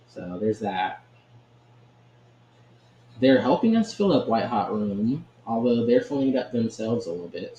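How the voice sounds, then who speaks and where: A man's voice: mid-range voice, mellow. Chatty gaming man in an echoey room. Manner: chatty, keeps asking "right?", laughs often. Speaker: gaming channel host. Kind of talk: casual gameplay commentary. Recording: echoey room with faint ambient noise.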